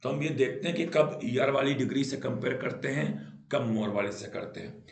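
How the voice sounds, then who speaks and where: A man's voice: mid-range voice, normal speed, vocal fry, roomy sound. A man teaching English grammar in Hindi, explaining patiently, repeating key points and often checking with "right?". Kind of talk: Hindi-language grammar lesson.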